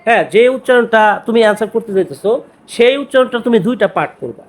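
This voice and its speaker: A man teaching an exam-prep grammar lesson, who repeats key words and keeps asking quick check questions. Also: high-pitched, lively intonation.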